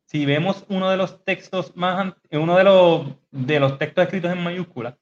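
Man podcast host, higher voice, lo-fi. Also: normal speed. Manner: hesitant, many fillers and restarts, laughs easily. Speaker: podcast host teaching biblical Greek. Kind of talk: casual teaching chat on a podcast.

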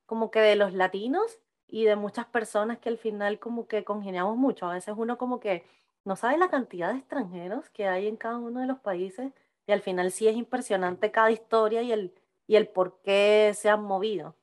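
A woman's voice: mid-range voice, normal speed, darkish tone. A woman from Venezuela hosting a podcast interview in a friendly, conversational way. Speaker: podcast host. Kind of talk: casual interview chat.

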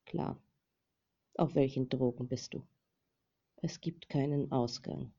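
A woman's voice: a bass voice, fairly even intonation, takes it slowly, creaky, warm tone, slightly rough, exaggerated voice. A woman reading the lines of a desperate man who urgently pleads with a captive not to die. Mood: bitter. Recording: dull lo-fi recording.

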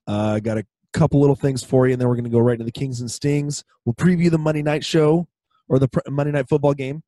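A hoarse man who has partly lost his voice, hosting a casual solo sports podcast in a halting way, often clearing his throat. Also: mid-range voice, steady tone, mellow, no echo. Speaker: podcast host.

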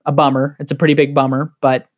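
A man with a Wisconsin accent, a guest on a casual podcast, talking in an excited, heated, rambling way. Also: a little high, quick pace.

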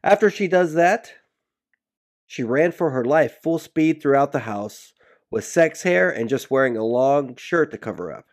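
A man co-hosting a podcast, telling stories in an animated, joking way in a casual chat. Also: mid-range voice, measured pace. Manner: animated storytelling with laughs. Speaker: podcast co-host.

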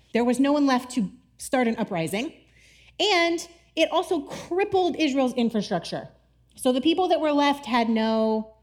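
Playful woman preaching, slightly high voice. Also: darkish tone. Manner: playful, self-deprecating, laughing asides. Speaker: pastor. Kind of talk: casual sermon with scripture reading.

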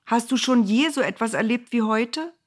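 A woman's voice: a little high, expressive, moderate pace, voice pushed up. A woman voicing a frightened talking donkey that pleads with its master. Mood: reproachful. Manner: pleading, hurt.

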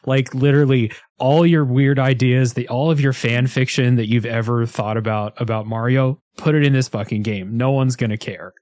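A man's voice: mid-range voice, steady tone, moderate pace, few pauses, a little mellow, no echo, clean studio sound. A man co-hosting a podcast in casual chat, candid and wry, laughing often and stammering as he starts his points. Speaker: podcast co-host.

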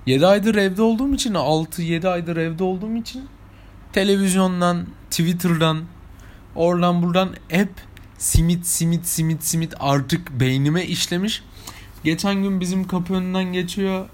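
A man's voice: high-pitched, steady tone, moderate pace, a little mellow. A young man from İzmir with an İzmir Turkish accent, telling anecdotes to his viewers in a chatty, casual way. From İzmir, Turkey. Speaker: vlogger. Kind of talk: casual storytelling monologue.

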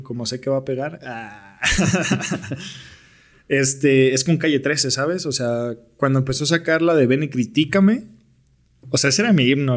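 Young mexican guy, casual storytelling, slangy, relaxed delivery, mid pitch. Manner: slangy, laid-back, peppers talk with "bro" and "güey". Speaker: podcast guest, rapper.

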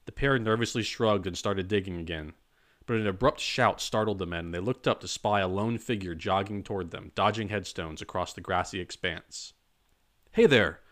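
A man narrating a dark crime story in a measured, even storytelling manner. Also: sits low. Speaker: audiobook narrator. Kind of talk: scripted narration.

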